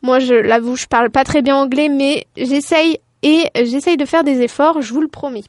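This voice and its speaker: A woman's voice: sits high, steady tone, normal speed, dry recording, clean studio sound. A woman from France hosting a radio show, reading a scripted talk segment with frequent hesitant fillers. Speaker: radio host.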